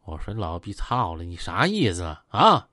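A man's voice: fairly low pitch, huge pitch swings, normal speed, bright, forceful tone, no room sound, clean studio sound, voice pushed down, exaggerated voice. A man with a Northeastern Mandarin accent voicing a domineering young gang boss who talks bluntly and threateningly. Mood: menacing.

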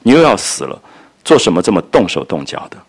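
A man voicing a sharp-tongued, jealous teenage girl, reading her quoted lines quietly and low. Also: very animated, quick pace, husky, heavily acted. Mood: teasing.

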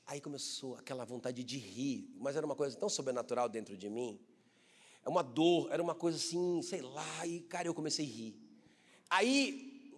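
A Brazilian man preaches a testimony sermon in a high-pitched voice, telling his story in an animated, chatty way full of fillers. His voice rings with a long reverb, as if in a large hall. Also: slightly rough. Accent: Brazilian Portuguese.

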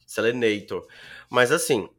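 A man's voice: mid-range voice, animated, measured pace, over a noisy crowd. Slangy, swearing man co-hosting a podcast. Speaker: podcast co-host. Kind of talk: casual chat.

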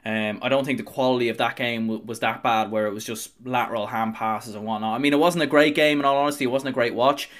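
A man's voice: medium pitch, level tone, fast talker, hardly any pauses, fairly bright tone. An Irish man presents a sports podcast in a mid-range male voice. He talks as a host, delivering commentary in an Irish accent. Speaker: host of a Gaelic games review podcast.

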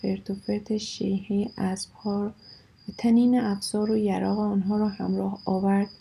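A woman reads a story aloud in a measured, steady way. Her voice is heavily gravelly and husky, with a dark, mellow tone. Her pitch stays mostly flat. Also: rough recording. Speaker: narrator. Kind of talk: scripted story narration.

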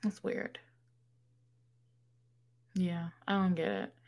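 A woman's voice: on the low side, takes it slowly. A woman co-hosting a podcast, chatting casually as she retells a movie's plot, acting out the characters' lines as she goes. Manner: animated storytelling, acts out characters' lines, swears casually. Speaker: podcast co-host. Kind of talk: casual movie recap chat.

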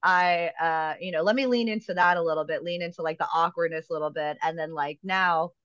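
A woman's voice: fairly low pitch, fairly quick, a bit bright, no echo, lo-fi sound. A woman around thirty, a comedian guest, talking candidly and poking fun at herself. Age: 30s. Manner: candid, self-deprecating. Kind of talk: casual chat.

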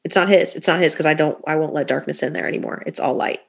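A woman's voice: low-pitched, fast, vocal fry. A young woman talking earnestly in a casual podcast conversation, leaning on "like" fillers and repeating phrases for emphasis. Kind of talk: casual podcast talk about faith and healing.

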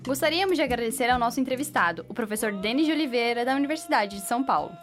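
A young woman with a Brazilian accent co-hosting a student radio show, reading a scripted segment in a playful, expressive way. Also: fairly high pitch, racing, soft background music.

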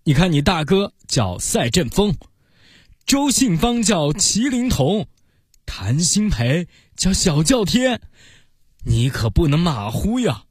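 A man's voice: sits high, sing-song, takes it slowly, husky, dry recording, clean studio sound, exaggerated voice. A man voicing an anxious theatre owner who lectures urgently, in a children's storybook reading.

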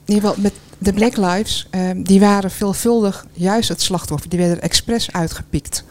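A panelist on a talk show, speaking in a nervous but measured way. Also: medium pitch, fairly even intonation, a little mellow.

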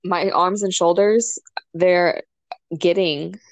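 A woman's voice: fairly low pitch, steady tone, slow pace, a little hiss or hum. A young adult woman co-hosting a podcast, chatting casually and laughing easily. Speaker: podcast co-host. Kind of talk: casual chat.

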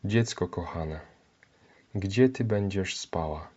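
A man's voice: sits low, slow pace, a little mellow. A man reading as a worried loving mother. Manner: anxious questioning. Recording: dull lo-fi recording.

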